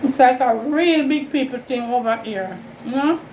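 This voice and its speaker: Jamaican lady doing casual mukbang chat, kinda high voice, rambly and informal, bit of fan noise. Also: rough recording. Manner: unhurried, informal Creole-inflected phrasing, rambling. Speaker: vlogger hosting an eating show. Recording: steady fan noise in background. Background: whirring fan.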